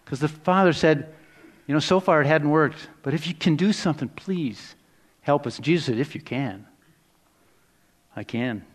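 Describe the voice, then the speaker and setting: A man delivers a sermon in an easy, conversational way, with a voice pitched a little high. He turns reflective and drops softer when he quotes scripture lines. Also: moderate pace. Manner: conversational, reflective preaching with soft dips for quoted words. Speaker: preacher.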